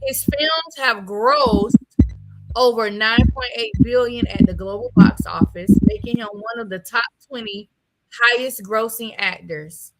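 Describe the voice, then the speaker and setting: A woman hosting a casual talk show, chatting in an animated way and laughing often. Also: fairly high pitch, unhurried, creaky, over loud music, low-quality recording. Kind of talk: casual chat.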